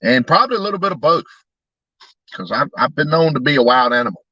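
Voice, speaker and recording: A man who runs a truck tire shop chats in an upbeat, earnest, rambling way. His voice sits a bit high and sounds sharp and forceful. The recording is dry and slightly dull, with a lo-fi edge. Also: very animated, fast, breathy edge, no room sound. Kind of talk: casual chat.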